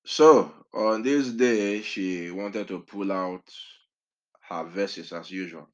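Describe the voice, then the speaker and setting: Low-voiced man teaching the Bible. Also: slow, muffled recording. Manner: conversational, self-correcting, digressive.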